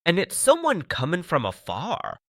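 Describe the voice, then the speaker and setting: A man tells a story recap with a bright, forward voice, his pitch rising and falling a great deal. He sounds close and dry. He reads every character's lines himself as he goes. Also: wildly swooping pitch, normal speed, no echo. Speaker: recap narrator. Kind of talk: scripted story recap narration.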